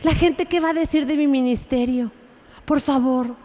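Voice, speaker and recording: A woman's voice: high-pitched, moderate pace, warm tone, in a large hall, close to an everyday voice. A woman putting on a whiny, begging male Jesus. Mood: pleading. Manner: begging, whining, fretful. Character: whiny pleading male Jesus, clingy, self-pitying.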